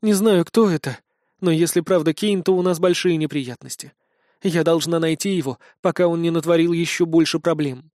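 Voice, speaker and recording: A man voicing a fiery young woman with godlike powers in a storybook reading, with a sharp, heated delivery. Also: on the high side, normal speed, dry recording, studio quality, lightly acted. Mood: worried.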